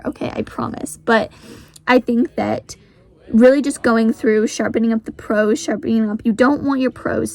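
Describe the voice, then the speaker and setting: A teenage girl talking casually about writing in a vlog, saying "like" constantly. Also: fairly high pitch. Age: teens. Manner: chatty, says "like" very often. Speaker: author.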